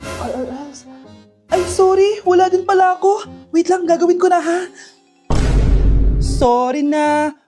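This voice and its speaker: A woman's voice: very high voice, measured pace, pauses often. A woman acting out comic skits, switching between many characters in an exaggerated, playful way. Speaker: comedy skit creator playing all roles. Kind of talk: comedic skit acting. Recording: faint background music.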